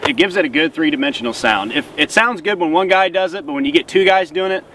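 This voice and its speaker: Gravelly, animated man, a bit off-mic. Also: high voice, fast talker. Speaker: goose-calling instructor and hunter. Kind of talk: casual instructional talk. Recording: slightly distant, faint outdoor noise.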